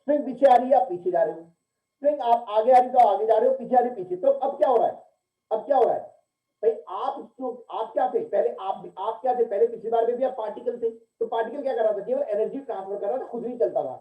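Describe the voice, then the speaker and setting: A man's voice: extremely high pitch, fast talker. A man giving a physics class, who keeps asking questions and answering them himself and calls his students "beta". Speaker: physics teacher. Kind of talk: classroom lecture. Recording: echoey room, tinny phone-like sound.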